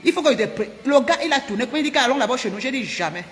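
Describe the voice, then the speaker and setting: Fast-talking woman, echoey room. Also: sits high. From Cameroon. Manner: animated and emphatic, with frequent repetitions. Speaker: vlogger. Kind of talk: casual storytelling to viewers.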